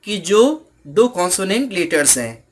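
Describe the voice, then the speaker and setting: A man teaching an English lesson, mixing in another language and slowly stressing each example word. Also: high-pitched, very animated, slight background noise.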